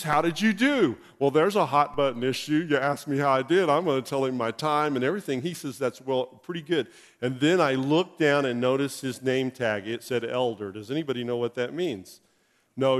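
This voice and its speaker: A middle-aged male pastor telling a funny personal story in an animated, anecdotal way, chuckling as he goes. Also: on the high side. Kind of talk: storytelling sermon. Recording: long reverb in a hall.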